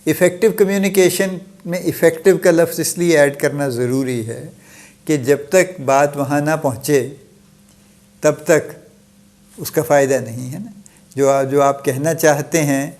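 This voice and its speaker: A middle-aged man hosting a solo talk, speaking in a relaxed, conversational lecture style and dropping in English phrases. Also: fairly high pitch. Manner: conversational, mixes English phrases, soft chuckles, restarts. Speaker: host giving a solo talk.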